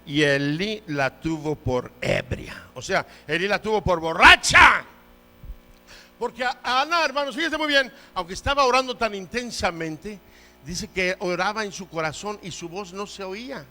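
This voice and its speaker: A man preaching with fervor, his voice high and bright. He rises to shouts, then drops low and quiet. His sermon rings through a church hall with a long echo. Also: expressive, normal speed. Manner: fervent, shifts between loud shouts and soft low passages; calls himself a loud talker.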